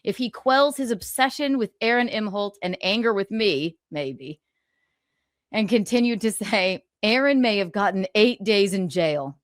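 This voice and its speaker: During her livestream, a woman with a mid-range voice reads passages from a book and also chats casually, putting gloating, sarcastic, theatrical stress on her words. It's studio quality, with no room sound.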